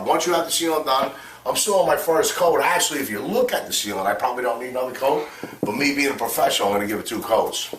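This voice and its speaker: A man's voice: mid-range voice, recorded from a distance. A man who paints houses, explaining how to paint a ceiling in a loose, rambling way full of fillers, recorded by a camera in a living room under renovation. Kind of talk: casual how-to demonstration. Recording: roomy, off-mic, faint background hiss.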